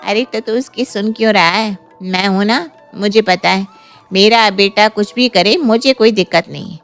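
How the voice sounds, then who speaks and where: A woman's voice: mid-range voice, normal speed, soft background music, natural voice. A woman voicing a doting, bossy mother who dismisses her daughter-in-law in a cartoon story. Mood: dismissive.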